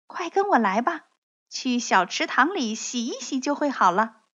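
A woman's voice: high-pitched, sing-song, moderate pace, a bit bright, voice pushed up, full character voice. A woman voicing a cheerful, friendly little country mouse that sounds eager and welcoming. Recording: dull lo-fi recording.

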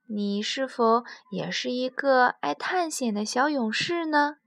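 A woman storyteller gently and expressively reading a children's story aloud, close to the mic. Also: high-pitched, animated, unhurried, vocal fry, no room sound.

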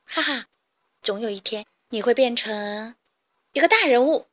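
Lady doing a brave little chick girl, loud and bold, highish voice. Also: very animated, moderate pace. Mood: encouraging. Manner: loud, indignant shouting.

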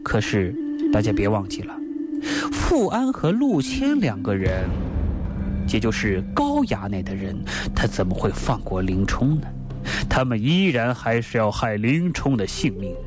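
A man's voice: on the low side, huge pitch swings, a little slow. A man co-hosting a radio show, telling and commenting on a classic story in colloquial language with rhetorical questions. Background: faint music.

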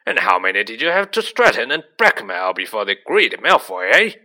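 A man voicing a gruff, hot-tempered, loyal giant groundskeeper in a storybook, with a roaring, growling rustic manner. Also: lowish voice, big pitch swings, brisk, bright, forceful tone, heavily acted. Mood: furious, roaring.

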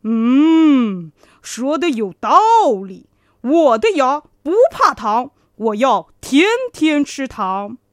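A woman voicing a big, greedy and simple-minded male tiger in a children's story, loud and drawn out. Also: sits high, lively intonation, takes it slowly, dry recording. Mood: pleased.

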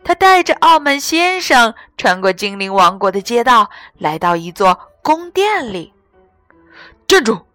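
A woman narrating a children's story in a gentle, expressive way. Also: on the high side, unhurried, hardly any pauses, no echo, soft background music.

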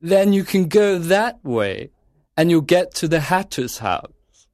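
A man voices a sly, grinning male cat, speaking slowly in a teasing, knowing way with a fairly high, slightly mellow voice pitched above his own and big pitch swings. The performance is heavily acted, and the recording is clean studio sound with no echo.

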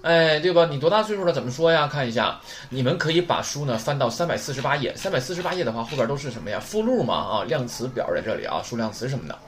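Lively male language teacher. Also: mid-range voice, fast, few pauses, a crowd in the background. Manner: patient, repeats key points, asks rhetorical questions. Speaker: Japanese teacher. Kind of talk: recorded lesson for Chinese learners.

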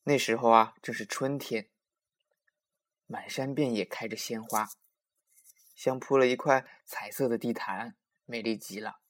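A man tells a children's bedtime-style story, his voice gentle and expressive. He sits at a mid pitch and drops into soft asides as he narrates. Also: measured pace, pauses often.

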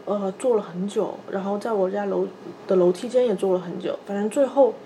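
A woman in her thirties, a podcast co-host, telling a personal story in a soft, halting way, often repeating small fillers. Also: medium pitch, slight background noise. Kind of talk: personal storytelling in casual chat.

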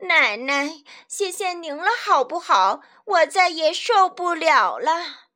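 A woman voicing a noisy, stubborn little boy who shouts and insists. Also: extremely high pitch, big pitch swings, slow, exaggerated voice. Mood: loud, pleading.

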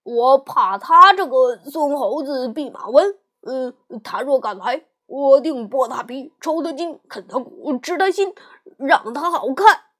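A woman's voice: high-pitched, expressive, a little slow, a bit bright. A woman storyteller voicing a cowardly, greedy male pig monk who hems, fawns and pleads. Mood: pleading. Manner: hemming, fawning, pleading. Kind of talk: storybook character voice.

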